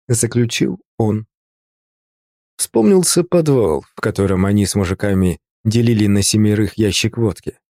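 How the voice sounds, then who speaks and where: A man narrating an audiobook in an even, measured literary reading. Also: mid-range voice, dry recording, studio quality.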